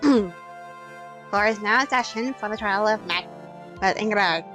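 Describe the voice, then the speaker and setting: A woman's voice: medium pitch, slow, fairly bright tone, faint music behind. A woman voicing a formal, grumpy old man, a courtroom judge in a video game. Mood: stern, formal. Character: old male judge presiding over a courtroom trial. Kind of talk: amateur video game voice-over.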